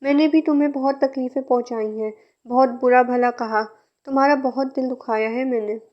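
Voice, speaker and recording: Calm, reassuring young woman in a fanfic read, voiced by a woman; high-pitched, lo-fi. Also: fairly quick, natural voice. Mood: soothing. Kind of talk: fan fiction reading. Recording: muffled lo-fi recording.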